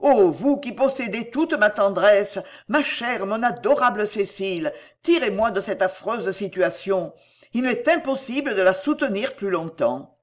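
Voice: mid-range voice, lively intonation, unhurried, natural voice. A reader voicing an ardent young man, earnest and imploring, in an audiobook of a classic novel.

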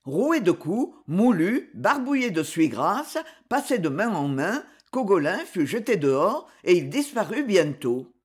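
An expressive audiobook narrator reads an old adventure novel with theatrical flair. The voice rises and falls in a lively, animated way, mid-pitched. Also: a little slow, hardly any pauses, breathy edge. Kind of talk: scripted narration of a historical novel.

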